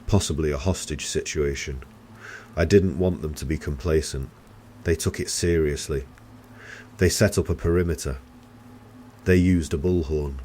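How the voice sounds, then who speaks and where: A man reading a scripted horror story in a slow, grave storytelling manner. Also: a bass voice, dark tone, a little hiss or hum. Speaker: narrator.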